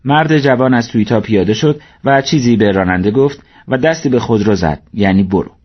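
A man narrating an audiobook story in a steady, measured reading voice, in a dull lo-fi recording. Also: mid-range voice.

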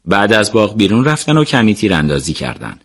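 A man narrating a serialized book in a steady, even storytelling manner. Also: fairly low pitch, breathy edge. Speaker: audiobook narrator.

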